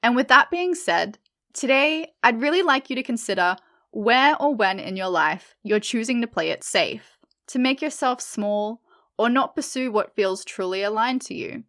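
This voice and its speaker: A woman's voice: a little high, expressive, moderate pace, a bit bright. A woman hosting a podcast interview, opening with a prepared welcome and then chatting in a friendly way with her guest. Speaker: podcast host.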